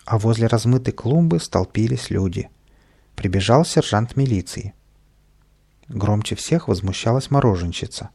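A man narrating a children's audiobook in a lively storytelling manner. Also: fairly low pitch, moderate pace, slightly rough. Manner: lively storytelling, plays all the voices.

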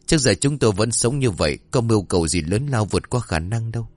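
A man's voice: lowish voice, animated, fast talker, a little mellow, no room sound. Man doing a frantic, wailing old mother. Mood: evasive. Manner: wailing, pleading. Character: frantic older mother hiding a guilty secret.

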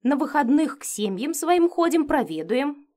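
A woman reads a stout older cook, kindly yet strict, who lectures in a folksy, matter-of-fact way. Her pitch rises and falls freely, sitting a little high for a woman. This is a storybook voice. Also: sing-song, moderate pace, darkish tone.

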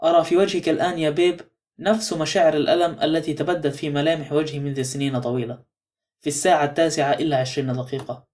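A man's voice: on the high side, fairly even intonation, very fast, a little mellow, lightly acted. A man reading the lines of a frail, lonely, remorseful elderly woman in an audiobook, his speech trembling and pleading.

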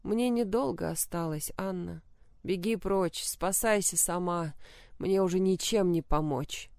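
A woman voicing a tortured, dying young woman beggar with a hoarse, weak, quiet voice. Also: lowish voice, measured pace, dry recording, studio quality. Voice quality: hoarse, croaking.

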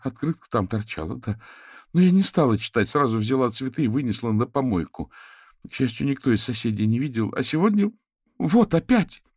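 A man's voice: mid-range voice, sing-song, fairly quick, darkish tone, no echo, clean studio sound, voice pushed up. A man voicing a tired young mother who speaks tearfully and pleadingly in an audiobook.

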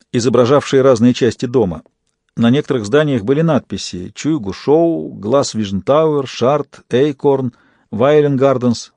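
Mellow male audiobook narrator. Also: medium pitch, no echo. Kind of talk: scripted narration.

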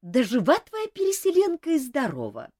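A woman voicing a matter-of-fact, chatty court lady who speaks briskly. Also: sits high, huge pitch swings, mellow, no echo, clean studio sound, voice pushed up.

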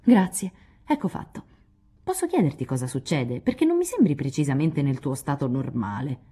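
Spirited coaxing young woman, read by a woman; husky timbre. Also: rumbling low, moderate pace, full character voice. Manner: coaxing, lively.

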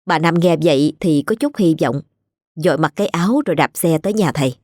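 A woman's voice: sits low, lively intonation, a little fast, a little mellow, no room sound, clean studio sound. A woman, steadily narrating a ghost story.

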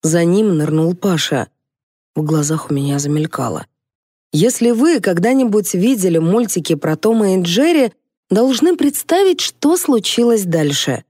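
A woman reading a comic first-person audiobook with a lively, ironic delivery. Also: on the low side, normal speed, dry recording, clean studio sound. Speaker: audiobook narrator.

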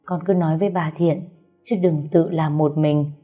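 A firm, caring old grandmother in an audiobook, steady and admonishing, as a woman narrator puts her on. The voice sits low and husky, with a mellow, soft tone. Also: moderate pace, soft background music.

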